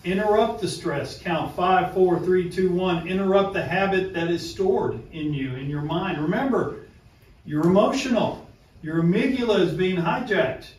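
A man's voice: high-pitched, normal speed, a little mellow. A man presenting a self-help lesson to a small group, emphatic and repeating his key points. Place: room with a small live audience. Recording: echoey room from far off, faint noise.

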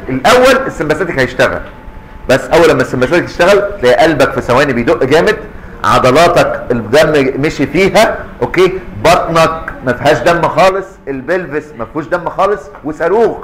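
A man with an Egyptian Arabic accent giving a lively physiology lecture to students, quizzing them and acting out little scenes. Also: a little high, fast talker, slight background noise, poor audio. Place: lecture hall.

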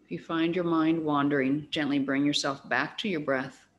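A middle-aged woman guiding a yoga relaxation in soft, gentle, unhurried instructions with long pauses. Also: low-pitched, steady tone, lo-fi sound. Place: large high-ceilinged home living room studio. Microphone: webcam at a distance. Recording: echoey room, faint hiss from webcam.

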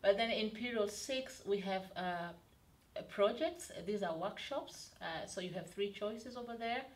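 A middle-aged woman from Tanzania, a study advisor, explaining a study programme in an interview with frequent pauses and fillers. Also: medium pitch. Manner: hesitant, many fillers and restarts. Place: studio set, indoors.

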